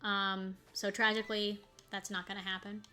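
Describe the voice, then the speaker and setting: A woman's voice: medium pitch, little pitch movement, normal speed, pushed and bright, soft background music. A woman streaming a video game, chatting casually and rambling as she plays, often breaking into laughter. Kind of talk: casual gaming commentary.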